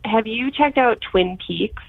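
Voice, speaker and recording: A woman's voice: a little high, slow, gravelly, no room sound, narrow, tinny audio. A woman in her thirties with a mix of Valley and Midwestern accent, a podcast guest chatting over an internet call, bubbly and laughing often. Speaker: podcast guest, stay-at-home mom. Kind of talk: casual chat.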